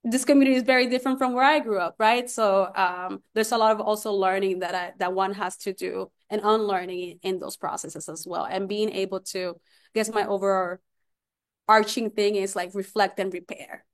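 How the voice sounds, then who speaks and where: A woman's voice: medium pitch, steady tone, normal speed. A woman from Puerto Rico speaking on a panel as a community researcher, earnest, with frequent restarts and fillers. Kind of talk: panel discussion.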